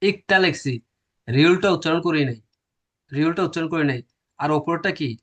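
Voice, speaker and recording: Male teacher, a bit high-pitched, quizzes the class and answers himself. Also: brisk. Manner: explains step by step, asks and answers his own questions. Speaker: language teacher. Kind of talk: classroom lecture.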